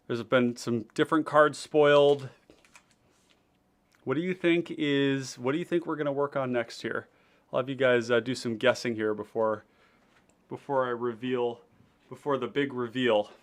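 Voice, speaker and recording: A man's voice: medium pitch, a little slow, long pauses. A man hosting a live stream, chatting casually with viewers, reading their comments and talking while he eats. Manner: chatty, eating while talking, reads out chat. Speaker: streamer host.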